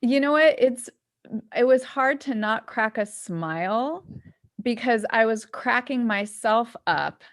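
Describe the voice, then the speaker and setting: A woman's voice: a little high, lively intonation, takes it slowly. Reflective woman podcast host. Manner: reflective, thinks aloud. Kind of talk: casual chat.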